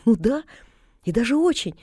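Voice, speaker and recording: A cheerful, chatty young girl, put on by a woman reading a storybook, gushing with bright excitement. Her voice is pitched high over a mellow, warm timbre. The sound is dry and close. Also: normal speed, breathy edge, no room sound. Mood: eager. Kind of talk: audiobook character reading.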